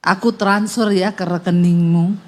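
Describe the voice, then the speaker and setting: A woman's voice: lowish voice, fairly even intonation, unhurried, voice pushed down. A woman preacher voicing a formerly stingy, harsh husband who now coaxes his wife to come home. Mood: coaxing. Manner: coaxing, tender. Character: stingy harsh middle-aged husband, newly repentant.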